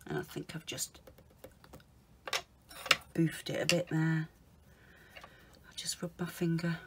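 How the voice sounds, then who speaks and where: Low, unhurried woman crafting. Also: steady tone, slight background noise. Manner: chatty, often calls viewers guys, mutters softly to herself while working. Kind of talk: casual crafting tutorial.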